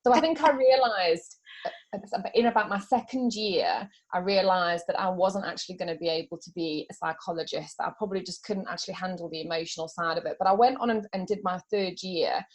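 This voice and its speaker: A woman in her forties who grew up in South Africa, a business coach chatting as a podcast guest, open and emotional and quick to laugh. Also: on the low side. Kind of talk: casual interview chat.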